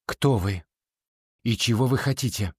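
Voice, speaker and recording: A man's voice: mid-range voice, measured pace, husky, no echo, clean studio sound. A man reading aloud, voicing a guarded, evasive older woman who owns a perfume shop in a storybook.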